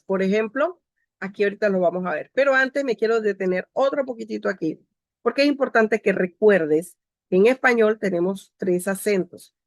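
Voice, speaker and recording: A woman's voice: mid-range voice, dry recording, clean studio sound. A woman teacher giving a grammar lecture over a video call. She explains step by step and cues each slide aloud. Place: home.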